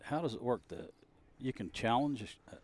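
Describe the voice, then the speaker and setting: A man's voice: medium pitch, expressive, moderate pace, darkish tone. A man in his seventies doing color commentary, asking skeptical old-school questions about the rules. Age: 70s. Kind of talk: sports commentary.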